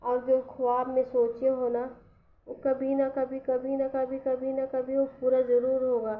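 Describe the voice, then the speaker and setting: Slow-speaking woman, dull lo-fi audio. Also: high voice, monotone. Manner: earnest, repeats phrases for emphasis. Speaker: vlogger. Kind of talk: casual encouraging vlog talk to viewers.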